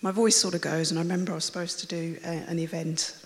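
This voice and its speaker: A woman with a raspy, croaky voice that always sounds like she has a cold, chattily telling her testimony to a church congregation, rambling with fillers and restarts. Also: fairly low pitch, fairly even intonation, fast. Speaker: church member giving a testimony. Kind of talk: personal testimony told to a congregation. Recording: long reverb of a large hall.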